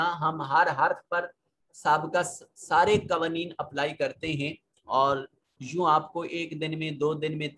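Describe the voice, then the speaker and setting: A man with a Pakistani Urdu accent teaching a recorded Quran lesson, patiently explaining tajweed rules and slowly reciting verses. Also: a little high, a little hiss or hum.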